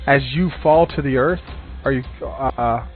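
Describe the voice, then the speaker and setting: A man with a mid-range voice narrates a tabletop game as game master at a measured pace, describing the scene in a loose storytelling style with frequent restarts. The audio sounds phone-like, with faint music.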